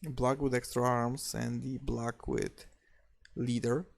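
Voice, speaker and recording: Gravelly-voiced man in casual recap chat. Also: mid-range voice, steady tone. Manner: joking, restarts, halting filler-heavy phrasing. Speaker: league recap co-host.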